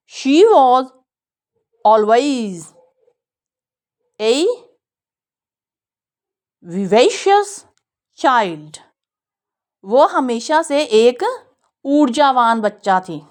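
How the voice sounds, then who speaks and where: A woman teaching English pronunciation, who says each word slowly many times over and explains the stress patiently. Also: high-pitched. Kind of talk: pronunciation lesson with slow repeated drills.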